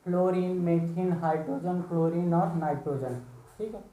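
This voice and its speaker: Mellow-voiced male teacher in an echoey room. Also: high-pitched, normal speed. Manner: explains step by step with frequent "theek hai" checks. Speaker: reasoning teacher. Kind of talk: exam-prep lesson.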